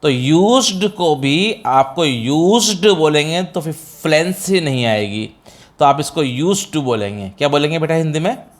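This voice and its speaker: Indian male English teacher, middle-aged, fairly high voice, patient step-by-step explaining, quizzes students. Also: expressive, unhurried. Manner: explains step by step, addresses students as beta, asks and answers own questions. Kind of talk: classroom-style spoken English lesson.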